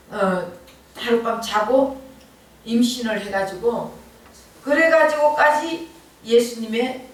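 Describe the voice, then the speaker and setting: A middle-aged woman pastor preaching a sermon at a night service, talking earnestly and conversationally, with emphatic rising bursts. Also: on the high side. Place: church sanctuary at a Friday night service. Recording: very echoey church hall from far off.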